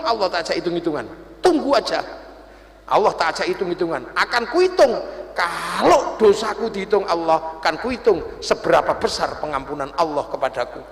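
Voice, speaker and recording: A man's voice: sits high, echoey room, big-room sound, pitched below the performer's own voice. A preacher doing a pleading village man. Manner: emotional, tearful pleading.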